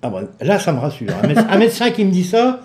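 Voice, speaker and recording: A man's voice: sits high, sing-song, fast talker, a little mellow. A male radio host chatting with a doctor, stammering and restarting, bursting into emphatic questions. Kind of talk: radio call-in chat with a doctor.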